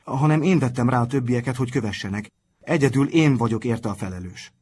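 A man's voice: mid-range voice, a little mellow, husky, voice pushed up, lightly acted. A man reading aloud and voicing an earnest, bold teenage schoolboy who takes the lead. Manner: earnest, eager.

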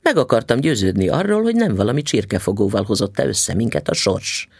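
A sharp-tongued, suspicious mother, put on by a male reader, speaks in curt, indignant bursts. Her voice is husky with a gravelly rasp. The recording is dry and close. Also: fairly low pitch, sing-song, no echo, exaggerated voice. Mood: satisfied. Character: stern, suspicious middle-aged mother, snappish. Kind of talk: audiobook reading.

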